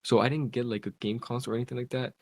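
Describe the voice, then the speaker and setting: Telling a loose, meandering story as a podcast guest, a man in his twenties races along at a medium pitch with a steady tone, leaning heavily on "like." He's a content creator from Cuba who grew up in Pennsylvania, heard through a podcast call mic.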